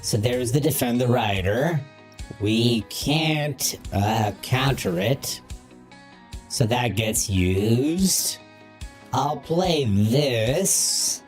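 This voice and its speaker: A man streams a card game with his voice processed through a voice modulator. He talks slowly and thinks aloud through each move. Faint music plays underneath. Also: mid-range voice, expressive. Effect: voice modulator filter. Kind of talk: casual gameplay commentary.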